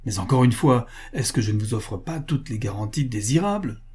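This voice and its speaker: A man reading as a pleading, flattering prince. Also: medium pitch, normal speed, breathy edge. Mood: urgent. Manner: urgent and ingratiating. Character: anxious, pleading male prince, insinuating.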